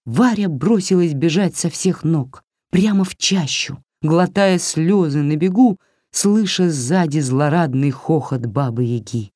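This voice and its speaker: A woman narrating a fairy tale for an audiobook in a measured, expressive way, close to the mic. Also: deep voice, no room sound.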